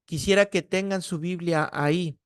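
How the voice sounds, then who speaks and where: A man with a Mexican Spanish accent teaching a Bible class indoors, telling lively stories and tagging his points with quick questions to the class. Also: sits high, smooth, dry recording, studio quality. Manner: lively storyteller, rhetorical "¿no?" tags.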